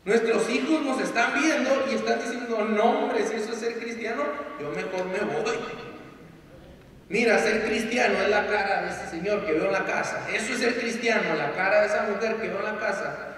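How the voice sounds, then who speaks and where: A man preaching a sermon, his voice high and bright as it carries through a church. He is heard from a distance, with a long, booming echo around him. He acts out the voices of grumbling complainers, then drops back into his sermon. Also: moderate pace, a little hiss or hum. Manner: acts out bitter complainers in a raised voice. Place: church sanctuary. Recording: echoey hall from far off.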